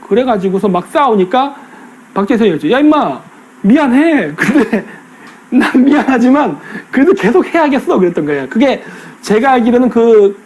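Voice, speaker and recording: Animated high-pitched man ranting. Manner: animated, acts out voices in quotes, coarse slang. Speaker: political commentator. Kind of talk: casual ranting monologue.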